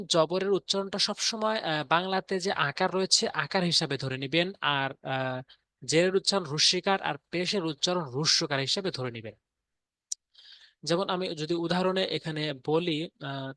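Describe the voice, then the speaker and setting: A man teaching Arabic letter pronunciation in a patient, repetitive tutorial, often pausing on fillers. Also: fairly high pitch, pushed and bright, no echo, studio quality. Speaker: Quran reading teacher. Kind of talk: spoken tutorial lesson.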